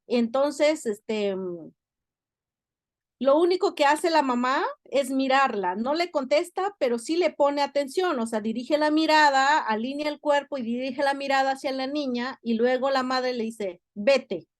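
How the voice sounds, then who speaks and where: Brief: woman academic, high voice, dry close sound, careful explaining with filler pauses. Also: dry recording. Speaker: university lecturer. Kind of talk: academic lecture.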